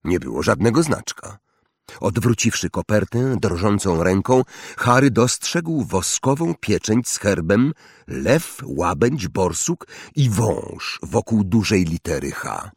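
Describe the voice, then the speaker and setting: A man reading a novel aloud as an expressive audiobook narrator, with a dramatic, animated delivery. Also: fairly low pitch, takes it slowly, slightly rough, no echo, clean studio sound.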